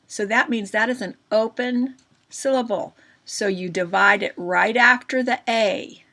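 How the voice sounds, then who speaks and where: A woman teacher giving a recorded grammar lesson, patient and slow, often checking in with questions to her students. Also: on the high side, bright, forceful tone.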